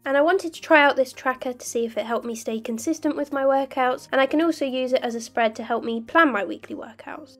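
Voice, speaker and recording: A young woman with a slightly croaky voice from illness, calmly narrating her journaling step by step. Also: fairly high pitch. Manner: calm, detailed step-by-step explaining. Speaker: bullet journal vlogger. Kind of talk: voice-over narration of crafting.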